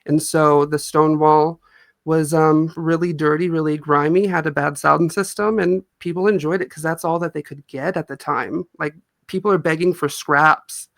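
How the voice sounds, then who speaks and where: Man, fairly high voice, gravelly fry, casual interview guest, earnest storyteller, dry close sound. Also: steady tone, moderate pace, a bit bright, no echo.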